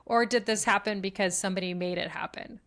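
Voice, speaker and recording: Earnest woman with a bright voice. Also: mid-range voice, quick pace, creaky. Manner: earnest, reasoning aloud. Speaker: podcast co-host. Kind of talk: casual podcast chat.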